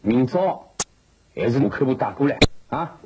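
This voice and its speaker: A man's voice: medium pitch, animated, moderate pace, lo-fi sound, natural voice. An actor playing a blunt, nagging family man in a TV drama, speaking with a Shanghai accent. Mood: scolding. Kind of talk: naturalistic television drama dialogue. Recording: very noisy old TV tape.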